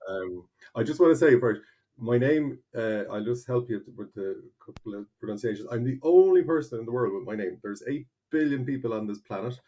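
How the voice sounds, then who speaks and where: A man in his forties from North County Kildare, Ireland, speaks with an Irish accent in a mid-range voice, a little fast. A translator appearing as a guest in a conversational interview, he explains things eagerly and animatedly, restarting often.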